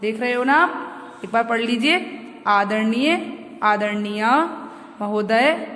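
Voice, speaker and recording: A woman teaching a grammar lesson to children, repeating word pairs slowly and asking questions she answers herself. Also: fairly high pitch, a bit bright. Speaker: school teacher. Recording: echoey classroom-like room, long reverb, faint noise.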